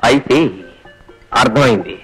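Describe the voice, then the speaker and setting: An actor playing a calm, kindly man who speaks gently and teases lightly. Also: mid-range voice, slow, rough recording. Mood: gentle. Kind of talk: 1980s Telugu film drama. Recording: old film soundtrack with music under the dialogue.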